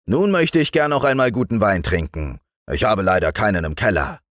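A man voicing a blustering, hungry farmer husband with loud, eager exclamations. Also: on the low side, lively intonation, normal speed, dry recording, studio quality.

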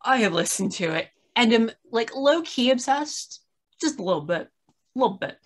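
Over a video call from a room at home, a middle-aged woman hosts a casual, unscripted chat, rambling along with self-deprecating humour. Her voice is a little high and animated, and she speaks at a normal speed.

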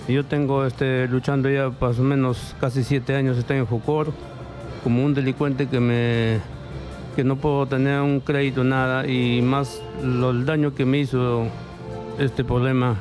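A middle-aged man tells his story in a radio studio, halting and repeating himself as he acts out what others said. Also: medium pitch, level tone, over music. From Peru. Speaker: interviewee reporting bank fraud. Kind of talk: emotional testimony in a radio studio. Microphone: studio mic with headphones.

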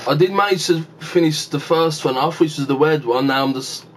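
Mouth full of sour candy, a man with a somewhat high voice vlogs casually and briskly into a handheld camera, rambling and chatting with viewers he often calls "guys." A little hiss or hum runs under the audio.

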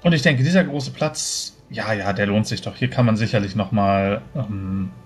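A man's voice: on the low side, normal speed, husky. A man taking his turn as a player in a tabletop role-playing game, talking casually through his moves. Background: music.

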